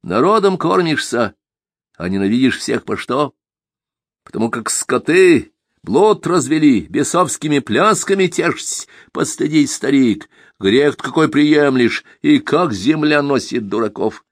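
A man's voice: mid-range voice, sing-song, measured pace, husky, no room sound, clean studio sound, pitched above the performer's own voice. A man voicing a ranting old man who calls himself god, fiery and scornful, in an audiobook.

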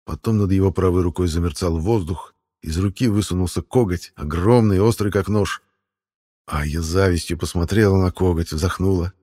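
A man's voice: low-pitched, moderate pace, studio quality. Man narrating a fantasy audiobook. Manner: steady storytelling read. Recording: long hall reverb.

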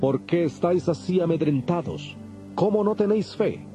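A man playing Jesus as a calm, authoritative teacher, speaking in measured, solemn phrases for a dramatized audio Bible. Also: sits high. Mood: reproving. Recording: dull, band-limited audio with music.

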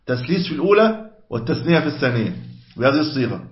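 A man's voice: mid-range voice, sing-song, racing. A man teaching a religious law lesson, explaining step by step and correcting his own wording as he goes, on a dull, echoey lo-fi recording. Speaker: sheikh teaching Islamic law. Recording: echoey room, dull lo-fi sound.

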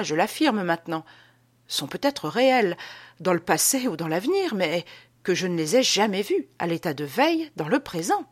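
A mild, troubled gentleman in a spoken storybook, played by a woman reader. He confides softly and gently, close to a plain reading voice. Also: on the low side. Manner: soft, confiding. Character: gentle, troubled middle-aged man dreamer.

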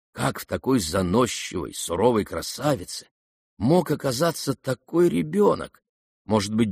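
A man giving measured, scripted narration of a literary novel. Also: mid-range voice, a little mellow, dry recording, clean studio sound. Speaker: audiobook narrator.

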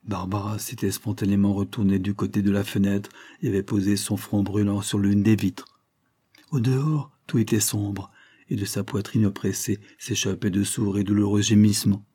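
Dark husky male audiobook narrator. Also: fairly low pitch, level tone, moderate pace. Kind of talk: scripted literary narration.

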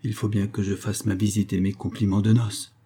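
A man's voice: lowish voice, little pitch movement, fairly quick, dark tone, husky. A man reading the part of a bold young cavalier lover, gallant and theatrical, in an audiobook.

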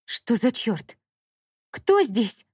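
A woman voicing an indignant, quick-tempered young woman in an audiobook scene. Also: mid-range voice, expressive, darkish tone, slightly rough, dry recording, studio quality. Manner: exclaiming, indignant.

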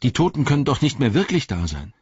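A man's voice: mid-range voice, sing-song, fast, darkish tone, breathy edge, no echo, dull audio, pitched above the performer's own voice, exaggerated voice. A man voicing a frightened but loyal hobbit servant in an audiobook, talking urgently and raising his voice. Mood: uneasy. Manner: urgent, exclaiming. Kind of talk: audiobook character voice.

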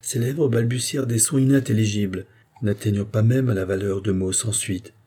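Husky, dark-voiced male audiobook narrator. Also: lowish voice, fairly even intonation, moderate pace. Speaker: audiobook reader. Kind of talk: scripted narration of a novel.

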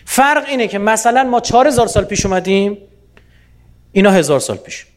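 A man from Iran giving a lively public lecture, often quizzing his audience with rhetorical questions. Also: high-pitched.

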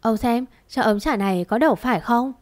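A woman's voice: a little high, moderate pace, no echo, close to an everyday voice. A woman voicing a firm young master. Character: calm, commanding young master of the house.

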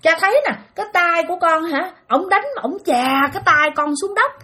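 Brief: a pleading ghost of a drowned little boy, put on by a woman with a Southern Vietnamese accent, high and whiny. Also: animated, moderate pace, pushed and bright, full character voice. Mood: plaintive. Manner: plaintive, complaining.

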